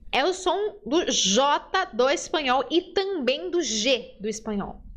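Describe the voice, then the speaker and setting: A woman from Brazil with a bright, high-pitched voice teaching an online Spanish lesson. She talks in a chatty, lively way and stretches out each word she models for learners to repeat.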